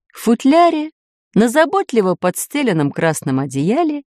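Expressive woman reading a story aloud. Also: a little high, dry recording, clean studio sound. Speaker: audiobook reader. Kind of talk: scripted narration.

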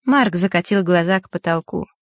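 A steady, measured audiobook narrator in a mid-pitched voice, recorded close and dry. The reading keeps an even storytelling pace. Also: dry recording. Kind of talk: scripted narration.

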